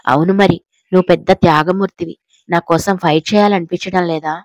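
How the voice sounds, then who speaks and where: A woman's voice: on the low side, steady tone, fast, a little mellow, no echo, natural voice. Woman doing a blunt, teasing young husband. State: slightly hoarse throat.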